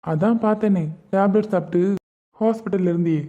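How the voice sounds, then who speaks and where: A woman's voice: medium pitch, fairly quick, natural voice. A woman voicing a friendly, teasing young man in a cartoon series. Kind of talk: cartoon web series voice acting. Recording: tinny phone-like recording.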